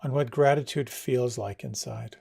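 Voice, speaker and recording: A man guiding a meditation in a slow, soft and soothing way. His voice is low-toned and mellow, with a gravelly edge of vocal fry. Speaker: meditation guide. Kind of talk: guided meditation.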